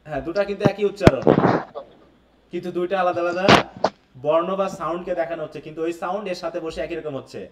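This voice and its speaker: Male teacher, lecturing a live class and checking in often; slightly high voice, set back from the mic. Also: steady tone, fast, distant mic, background noise. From Bangladesh. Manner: keeps checking with students, mixes English terms. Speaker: English teacher. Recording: echoey room, away from the mic.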